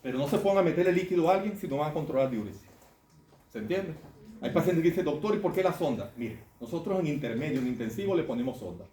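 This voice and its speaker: A man's slightly high, dark-toned voice moves with lively intonation and a fast pace as he lectures medical students on clinical cases. Conversational in style, he often turns questions to the class. The recording is from an echoey lecture hall with faint room noise.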